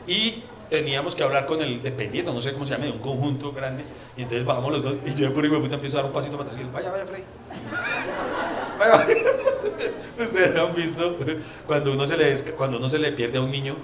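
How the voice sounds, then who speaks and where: A man's voice: on the high side, noisy background. A man with a Colombian accent co-hosting a comedy podcast, telling stories and mimicking his friend in a teasing way. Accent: Colombian Spanish. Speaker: podcast co-host. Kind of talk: casual comedic podcast banter. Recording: roomy sound with audience laughter.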